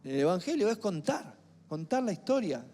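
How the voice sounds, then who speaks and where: A man with a Rioplatense accent preaching a sermon as pastor, emphatic and building to near-shouts on key phrases. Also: high voice, big pitch swings, normal speed. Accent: Rioplatense Spanish. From Argentina. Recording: echoey hall with faint music.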